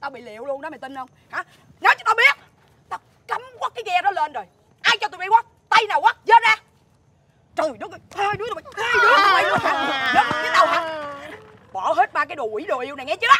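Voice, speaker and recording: A shrill scolding mother. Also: lively intonation, fast talker, background noise. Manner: shrill, scolding, barking orders. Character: strict scolding mother, hot-tempered middle-aged woman. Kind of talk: comedic web drama acting.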